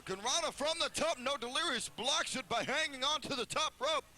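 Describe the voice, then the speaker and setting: A man giving excitable play-by-play wrestling commentary, calling moves in clipped phrases. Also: extremely high pitch, moderate pace.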